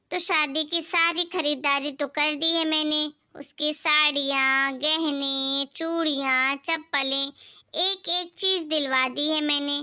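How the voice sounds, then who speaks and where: A woman's voice: sits high, sharp tone, heavily acted. A woman voicing a stingy middle-aged mother-in-law who talks sharply and dismissively in a cartoon story.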